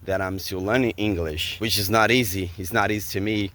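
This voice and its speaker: Just back from a jog, a Brazilian man in his 40s, a native Portuguese speaker with a Brazilian Portuguese accent, vlogs casually to camera in a park. He halts and searches for words with many fillers, his lowish voice steady and fairly bright.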